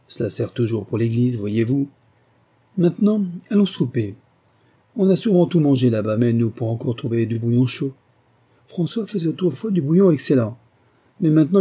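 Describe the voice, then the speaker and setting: A man reading an audiobook, voicing a brisk, impatient society hostess in a raised, emphatic voice. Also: mid-range voice, mellow, slightly rough.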